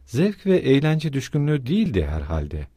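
A man narrating a literary audiobook, with measured delivery and quieter, lower dialogue lines. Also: huge pitch swings, breathy edge, no room sound, studio quality.

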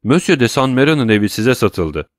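A man's voice: medium pitch, big pitch swings, moderate pace, dry recording, clean studio sound, voice pushed up, natural voice. A man reading an audiobook, voicing a proud, uneasy royal prosecutor who speaks formally and breaks into tense exclamations.

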